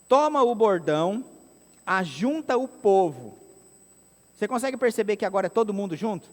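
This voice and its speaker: High-voiced Brazilian pastor preaching in a hall. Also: male voice, darkish tone. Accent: Brazilian Portuguese. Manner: preaching with call-and-response questions to the congregation. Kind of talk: sermon. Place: church hall. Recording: long church hall reverb.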